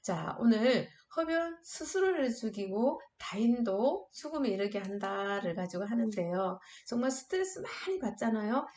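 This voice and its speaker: A middle-aged woman teaching an online anti-smoking class to high school students. She coaxes her students along in an upbeat way and leads them in shouted chants and clapping games. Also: sing-song, moderate pace, few pauses, reverberant. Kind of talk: online classroom lecture with group exercises.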